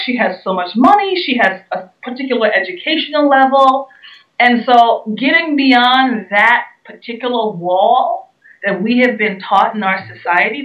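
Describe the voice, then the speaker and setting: Woman, from the Bahamas, emphatic, earnest, higher voice, echoey room, dull lo-fi sound. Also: fairly bright tone. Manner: earnest, emphatic, repeats key words. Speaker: guest speaker and entrepreneur. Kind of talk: interview answers. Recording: roomy, distant, dull sound.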